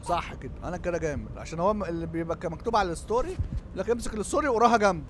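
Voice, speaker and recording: A man with an Egyptian Arabic accent giving jokey, excitable commentary on a horror game, yelping when startled. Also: high-pitched, racing, background noise. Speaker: gaming YouTuber. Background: game music.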